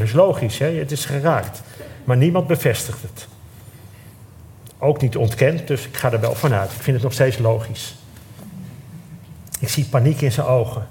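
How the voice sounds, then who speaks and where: A man's voice: medium pitch, a little mellow, slight background noise. A man telling an emotional story on stage. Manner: emotional, halting, breaking off and restarting. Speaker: guest storyteller. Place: theatre stage before a live audience.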